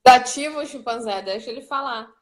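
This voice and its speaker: A woman's voice: on the high side, brisk. A woman co-hosting a live stream who chimes in with short agreeing remarks. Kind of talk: casual chat.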